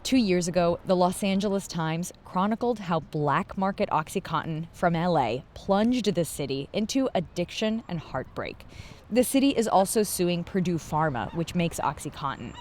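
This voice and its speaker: A woman's voice: fairly low pitch, animated, normal speed, darkish tone, a little hiss or hum. A woman hosting a podcast, narrating a scripted story in a conversational, explanatory way. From Pacific Northwest, US. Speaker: podcast host.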